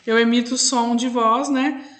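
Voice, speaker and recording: A woman's voice: on the high side, fairly even intonation, normal speed, a bit bright, slight background noise. A woman schoolteacher giving an online lesson to young pupils, patiently drawing out syllables and checking in often. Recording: echoey room.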